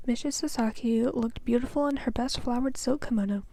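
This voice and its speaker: A woman student reading a children's novel aloud in a careful, soft, breathy manner, with occasional small slips. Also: fairly high pitch, a little fast, slight background noise. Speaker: student reader.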